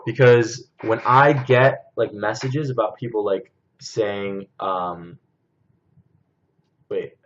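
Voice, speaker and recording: A man's voice: on the low side, steady tone, takes it slowly, muffled recording. A young man hosting a casual livestream, answering viewer comments in a chatty way full of "like" and "um". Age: young adult. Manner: chatty, filler-heavy, many "like"s and "um"s.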